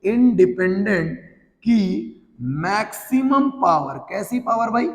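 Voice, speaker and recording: High-voiced man teaching in an echoey room. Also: lively intonation, slow. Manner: playful call-and-response, voicing students' questions himself. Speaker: physics teacher. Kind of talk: classroom lecture.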